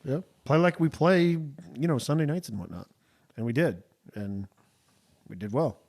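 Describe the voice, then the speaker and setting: A man's voice: mid-range voice, moderate pace, creaky, a little mellow. A man in casual group banter, recorded inside a wooden cabin.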